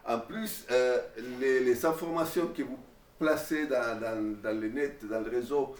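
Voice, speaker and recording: A man giving an informal classroom lecture, animated, with many restarts and fillers. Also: medium pitch, measured pace. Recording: echoey room, mic far away.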